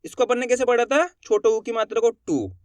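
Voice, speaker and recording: A man teaching a Hindi alphabet lesson, asking the class questions and drawing out each sound slowly. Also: extremely high pitch, little pitch movement, smooth, no room sound.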